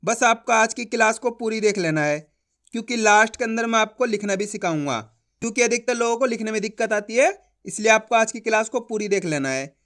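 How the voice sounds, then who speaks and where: A man's voice: high voice, animated, fairly quick, a bit bright. A man teaching an online reading lesson, sounding out each syllable before blending them into the whole word and coaching viewers as friends.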